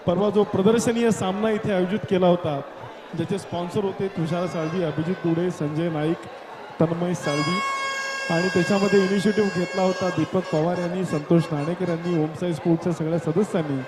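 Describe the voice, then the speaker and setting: A man's voice: high voice, fairly even intonation, fairly quick, very noisy. A man with a Marathi Indian accent making emphatic, exclamatory live cricket commentary and stage announcements. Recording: echoey PA sound over loud crowd. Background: cheering crowd.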